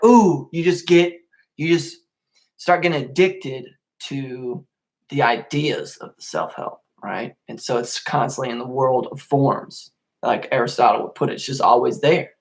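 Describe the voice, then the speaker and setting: A young man hosting a casual solo podcast, rambling and swearing a lot, getting worked up and then calming down. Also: fairly high pitch. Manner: rambling, profane, easily worked up. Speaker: podcast host.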